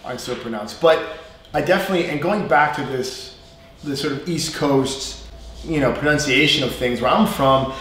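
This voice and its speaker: A man with a New York accent talks through an English lesson in a loose, chatty way, laughing as he goes. His voice sits at an ordinary pitch. The room is echoey, with faint hiss behind him. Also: moderate pace, a bit bright. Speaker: English teacher. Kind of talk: casual live lesson chat. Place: room in a language school.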